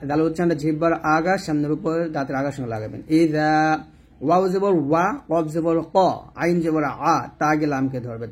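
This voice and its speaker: A man teaching recitation, who explains pronunciation letter by letter and then chants verses slowly with long drawn-out vowels. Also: fairly high pitch, husky. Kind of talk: recitation lesson.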